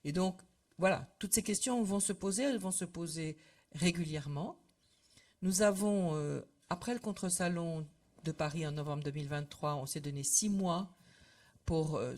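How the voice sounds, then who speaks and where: A woman's voice: fairly low pitch, a little mellow. An older woman addressing association members in a casual, conversational way, with many fillers and trailing phrase ends. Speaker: association representative. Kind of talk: informal talk to members. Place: meeting room with audience.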